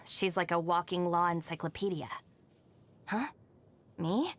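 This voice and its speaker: Woman acting as Kuki Shinobu, low-voiced, level-headed. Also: measured pace, lightly acted. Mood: composed, matter-of-fact. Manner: composed, matter-of-fact, dry. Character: level-headed, self-reliant young woman, deputy of a rowdy gang. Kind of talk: scripted video game character voice lines. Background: background music.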